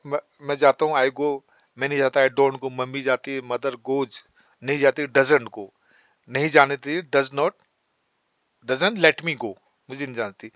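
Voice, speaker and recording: Male English tutor, unhurried, drills example sentences, dry close sound. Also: mid-range voice, steady tone, a bit bright, dry recording, dull audio. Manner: explains in Hindi, models slow English sentences. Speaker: English teacher. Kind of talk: spoken English lesson.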